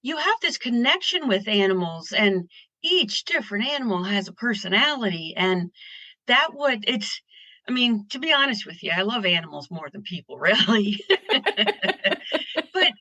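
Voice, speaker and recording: Bright chatty woman guest. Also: medium pitch, very animated, normal speed, no room sound. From Pennsylvania, US. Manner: chatty, upbeat, rambling with restarts. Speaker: guest artist. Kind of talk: casual interview chat.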